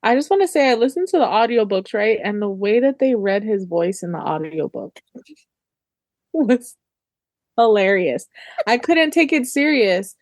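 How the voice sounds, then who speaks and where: A woman's voice: mid-range voice, expressive, a little slow, darkish tone, dry recording, clean studio sound. A woman co-hosting a casual book club chat, talking chattily and filling her sentences with "like". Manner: chatty, heavy use of "like" fillers. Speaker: book discussion co-host.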